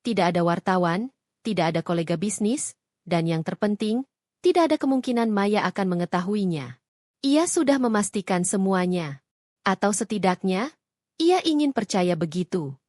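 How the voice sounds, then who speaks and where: A woman tells a scripted drama with expressive, descriptive storytelling, her pitch moving in wide, lively curves. The voice sits at a middle pitch. The recording is dry and close, with no room sound. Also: moderate pace, no echo. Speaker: narrator.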